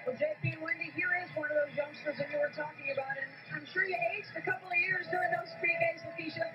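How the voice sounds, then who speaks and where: Fast-talking female sideline reporter. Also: very high-pitched, fairly even intonation. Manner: brisk upbeat questioning. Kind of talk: post-game interview. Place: stadium field, outdoors. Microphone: handheld microphone. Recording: dull lo-fi TV broadcast with loud music.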